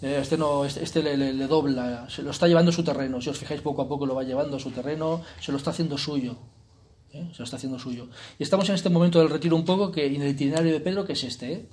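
A man with a slightly raised pitch gives an informal spiritual retreat talk. He speaks conversationally, constantly checking in with his listeners, and lightens things with jokey asides. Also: steady tone, fast talker, a little mellow, slight background noise. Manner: conversational, peppers sentences with "¿eh?" and "¿no?". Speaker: retreat leader.

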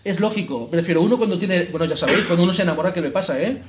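A man with an accent from Spain leads a retreat talk, his slightly high voice rattling along at a quick clip. He keeps things colloquial and throws in plenty of rhetorical questions and tag words. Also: slight background noise. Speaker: retreat leader.

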